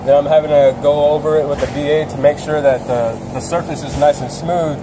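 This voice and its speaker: A man's voice: a little high, a little fast. Laid-back man explaining his shop work. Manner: relaxed, plain explaining with restarts. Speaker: vinyl wrap installer. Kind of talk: casual interview answers. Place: large open-sided RV service shop. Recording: noisy shop background.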